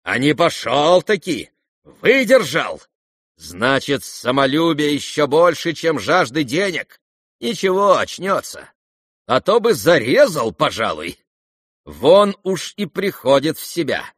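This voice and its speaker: A man voicing a proud, reckless young woman who is defiant and theatrical, calling out loud commands in a raised voice. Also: medium pitch, wildly swooping pitch, slow pace, pauses often, no echo, clean studio sound, heavily acted. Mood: defiant commanding.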